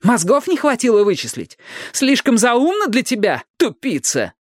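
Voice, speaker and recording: A man reading an audiobook voices a hysterical young woman who screams and sobs in a coarse, rough voice. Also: very high-pitched, huge pitch swings, moderate pace, no room sound, studio quality, pitched above the performer's own voice, full character voice. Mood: spiteful. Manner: sobbing, screaming, spitting insults. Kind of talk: audiobook character voice.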